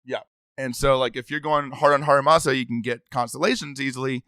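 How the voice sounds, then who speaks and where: A man co-hosting a podcast, chatting casually and eagerly about a game, with quick restarts and frequent laughs. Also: medium pitch, fairly even intonation, sharp tone, clear, resonant tone, dry recording. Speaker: podcast co-host. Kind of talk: casual gaming chat.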